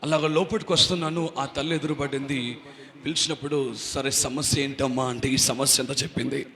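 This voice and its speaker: A man preaching a sermon as pastor, fervently calling for amens and rising to shouts. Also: medium pitch, fairly even intonation, fairly quick, long reverb tail. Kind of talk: Telugu sermon.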